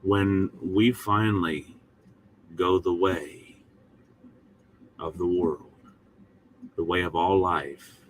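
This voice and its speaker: A man teaching the Bible in a short devotional, speaking in a folksy, emphatic manner with pauses between short phrases. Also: low-pitched, steady tone, a little hiss or hum.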